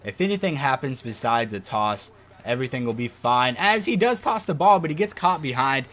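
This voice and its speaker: A man giving casual commentary as he plays a football video game, breaking into excited, loud outbursts at the plays. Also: mid-range voice, brisk. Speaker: gaming video host.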